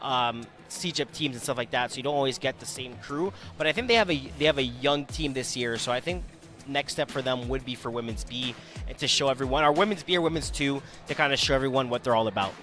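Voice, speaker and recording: A man's voice: medium pitch, quick pace, pushed and bright, faint music behind. Male booth analyst, mid-range voice, talking through a finished game conversationally. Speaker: sports commentator in the booth.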